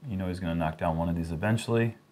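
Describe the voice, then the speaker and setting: Deep-voiced man calling disc golf. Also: very fast, noisy background. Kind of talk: casual play-by-play sports commentary.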